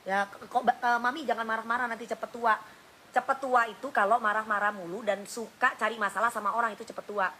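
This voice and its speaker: Middle-aged woman, singer on a phone live, blunt scolding tone, slightly high voice, light hiss. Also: steady tone, quick pace, bright, forceful tone, rough recording. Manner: blunt, scolding, switches to coarse slang. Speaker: singer doing an Instagram live. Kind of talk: casual livestream monologue.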